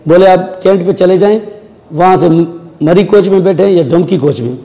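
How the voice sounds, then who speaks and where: Male interviewee, high-pitched and warm-toned, narrates events and voices the quoted lines. Long reverb on the recording. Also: moderate pace. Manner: storytelling, acting out quoted dialogue. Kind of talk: recounting events in a news interview.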